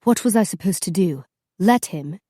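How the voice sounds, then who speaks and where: A woman voicing a calm, taunting teenage faerie boy in an audiobook. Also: on the low side, moderate pace, no room sound, studio quality. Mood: smug. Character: teenage faerie boy Tamani, cool and smug.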